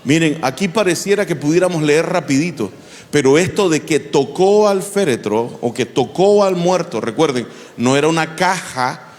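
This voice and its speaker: A man's voice: fairly high pitch, moderate pace. Preaching man with long hall reverb. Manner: animated preaching, asks the congregation questions. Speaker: pastor. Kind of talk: sermon.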